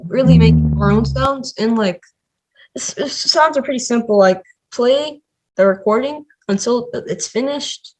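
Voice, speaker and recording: A man's voice: extremely high pitch, a little slow, poor audio. A man teaching a coding tutorial in a casual, chatty way, with many "like" and "um" fillers. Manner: chatty, filler-heavy, says "like" a lot. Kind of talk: casual screen-recorded tutorial.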